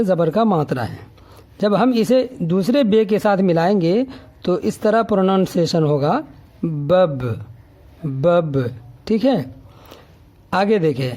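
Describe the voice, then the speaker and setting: A man from India gives a patient spoken phonics lesson in a fairly high voice. He sounds out each syllable several times and keeps checking in with his listeners. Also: darkish tone. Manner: checks in often with a questioning tag. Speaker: teacher.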